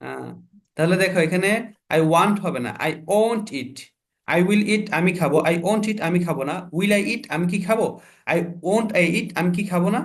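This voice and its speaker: A man teaching an online spoken English class, drilling sentence patterns and urging students to speed up. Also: high-pitched. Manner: drills patterns, coaxes students to speak faster. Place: online video call.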